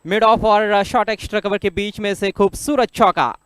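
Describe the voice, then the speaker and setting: A man giving excited live cricket commentary, exclaiming as his voice rises sharply on big shots. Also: high-pitched, normal speed, clean tone, no room sound.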